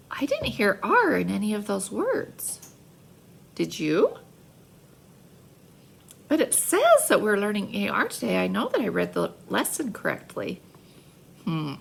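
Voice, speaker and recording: A woman teacher giving a phonics lesson to young children, animated and full of mock surprise. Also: medium pitch, vocal fry.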